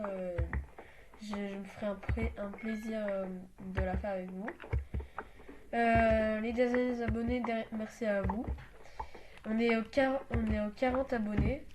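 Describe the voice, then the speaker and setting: A woman's voice: mid-range voice, noisy background. A woman giving casual gameplay commentary as host of her own channel, talking hesitantly with many fillers and restarts.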